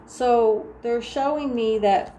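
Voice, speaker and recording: A woman with a New Jersey accent doing a casual tarot reading, talking softly and meandering through restarts. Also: on the high side, slow pace. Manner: soft, meandering, full of restarts and "like". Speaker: tarot reader. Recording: echoey room with faint ambient noise.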